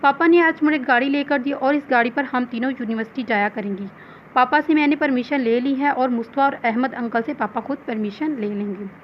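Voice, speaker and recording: A woman's voice: high-pitched, fairly quick, dull audio, a little hiss or hum, lightly acted. A woman reading the lines of a cheerful, teasing young woman in a recorded novel. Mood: lively. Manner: playful and teasing.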